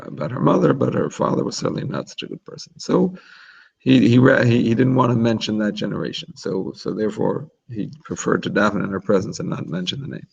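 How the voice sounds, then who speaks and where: A man's voice: medium pitch, vocal fry, darkish tone, slightly rough, dull audio. A man teaching an informal religious class in a chatty, explanatory way, often restarting his sentences. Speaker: Torah teacher.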